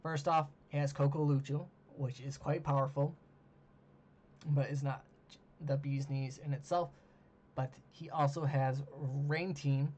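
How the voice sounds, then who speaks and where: A man hosting a solo monologue, talking casually with many ums and uhs, losing his voice and clearing his throat. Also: mid-range voice, flat delivery, unhurried, darkish tone. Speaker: host. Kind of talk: solo monologue ranking teams. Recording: dull lo-fi mic with faint hiss.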